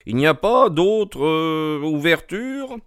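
A man voicing a keen, precise male detective in an audiobook, raising his voice into quick, probing questions. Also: on the high side, no room sound, clean studio sound, voice pushed up, exaggerated voice. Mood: inquisitive. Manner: quick, questioning, excited interjections. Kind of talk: audiobook character reading.

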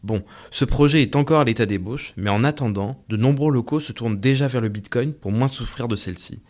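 A man's voice: mid-range voice, fairly quick, a little mellow. A man, the interviewer, reading scripted narration and asking questions fluently.

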